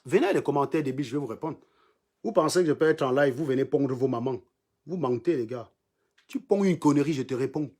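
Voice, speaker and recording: A man with a Cameroonian French accent hosts a livestream, his mid-range, slightly mellow voice moving fairly quickly. He launches a combative rant that mocks and insults his commenters, repeating lines for emphasis.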